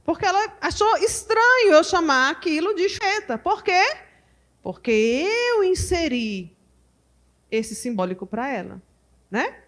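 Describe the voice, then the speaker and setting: A Brazilian woman teaching at a women's church conference, animated and full of rhetorical questions to her audience. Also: very high voice, unhurried. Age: adult mother. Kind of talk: lively teaching talk to a live audience.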